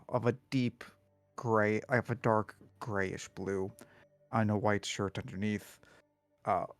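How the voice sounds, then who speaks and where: Slow, halting man with a lowish voice. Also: no echo. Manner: halting, deliberate, piecemeal phrasing. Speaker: player. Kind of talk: improvised character description in a tabletop game.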